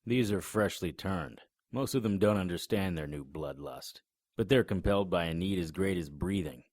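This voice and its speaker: A slightly mellow male voice that sits low, moving at a moderate pace with no room sound. He's the vampire hunter narrating an audio drama, a wisecracking middle-aged monster hunter. Everything comes out wry, dry, sardonic and matter-of-fact.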